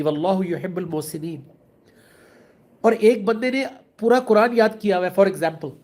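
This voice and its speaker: A man's voice: sits high, darkish tone. A man with a Pakistani accent giving an earnest religious talk, explaining with everyday examples and mixing in English words. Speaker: Islamic speaker.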